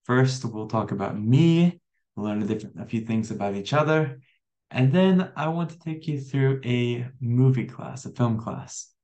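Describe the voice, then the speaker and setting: A man's voice: medium pitch, moderate pace, mellow, highs cut off. An American man in his twenties teaching an online English lesson, talking in a friendly way, repeating words and asking the viewer questions. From USA. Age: 20s.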